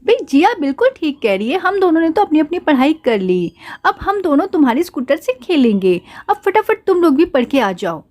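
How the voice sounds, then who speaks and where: A woman's voice: sits high, big pitch swings, a little fast, a little mellow. Woman voicing a matter-of-fact girl doll. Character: girl doll, practical friend. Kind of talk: doll play story.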